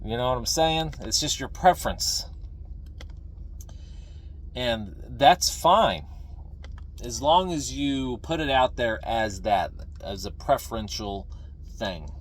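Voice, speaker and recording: A middle-aged man talking casually and ramblingly to viewers, folksy and opinionated, halting and repeating phrases for emphasis. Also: mid-range voice, expressive, slight background noise. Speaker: video creator, veteran pipe smoker. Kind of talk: casual rambling talk to camera.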